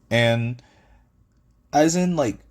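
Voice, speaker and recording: A man casually improvising a fan story, rambling with many fillers and restarts and chuckling at his own ideas. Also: mid-range voice.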